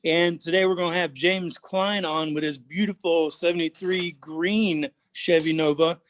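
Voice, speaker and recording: A man hosting an online car club show on a video call, upbeat and quick, asking his guest questions. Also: fairly high pitch, fairly even intonation.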